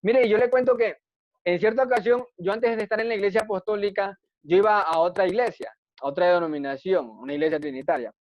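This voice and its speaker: Earnest high-voiced preacher, dry and dull. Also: male voice, quick pace, no room sound. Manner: earnest, repetitive, rhetorical questions. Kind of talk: testimony sermon.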